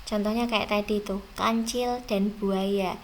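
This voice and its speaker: A woman's voice: mid-range voice, steady tone, slight background noise. A young woman teaching an exam review lesson, speaking straight to her students and drawing out the words she stresses. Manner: slow, drawn-out stressed words, addressing students directly.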